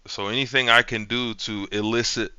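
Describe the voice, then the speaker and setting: A man's voice: mid-range voice, steady tone, normal speed, pushed and bright, smooth, no room sound, dull audio. A man hosting his own channel, chatting casually in a loose, profane, rambling way. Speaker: channel host. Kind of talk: casual chat.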